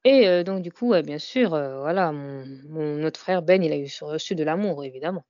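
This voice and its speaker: Hesitant young woman, low and mellow. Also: normal speed, dry recording, highs cut off. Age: young adult. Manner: hesitant, many fillers and "tu vois" tags. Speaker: interview guest. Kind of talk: casual conversational interview.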